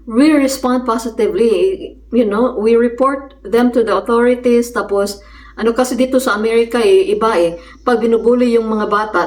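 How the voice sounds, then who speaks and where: A woman from the Philippines chatting casually while she cooks at home, telling stories and laughing often. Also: mid-range voice. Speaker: vlogger. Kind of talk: casual chat while cooking. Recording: echoey room, mic at a distance.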